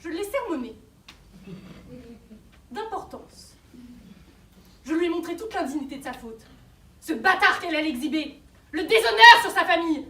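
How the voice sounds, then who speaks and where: Casting: sanctimonious zealot woman, very high piercing voice, hammy stage declamation, unforgiving moralizer. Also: animated, moderate pace, long pauses, bright, forceful tone, full character voice. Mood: righteous indignation. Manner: hammy theatrical stage delivery, declaiming, preachy. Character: self-righteous, unforgiving religious zealot woman, harshly moralizing. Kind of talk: stage play acting. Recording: echoey stage, distant mic, faint noise.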